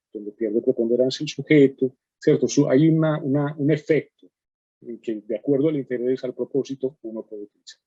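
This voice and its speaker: Man teaching a writing workshop, mellow and husky. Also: mid-range voice, no room sound, muffled recording. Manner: explanatory, frequent "¿cierto?" and fillers. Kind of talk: online workshop lecture.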